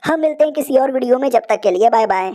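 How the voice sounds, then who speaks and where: A woman's voice: high-pitched, animated, fast, warm tone. A woman narrating a comic story in a chatty, slangy way. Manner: chatty, slangy, playfully voices characters. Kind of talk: casual comic story recap.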